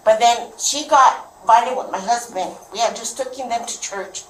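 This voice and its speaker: A woman's voice: a little high, moderate pace, fairly bright tone. A woman, the mother of a suspect, telling an investigator what happened in a rambling way, acting out what people said. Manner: rambling, acts out quoted dialogue. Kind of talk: recounting events to an investigator. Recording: echoey room with faint noise.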